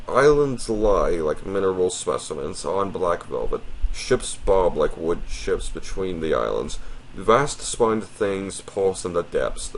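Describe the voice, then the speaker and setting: A deep-voiced man hosts a let's play, chatting casually and reading game text aloud, politely and apologetically addressing the viewer formally. His delivery is sing-song and slow, in a rough recording with a little hiss or hum.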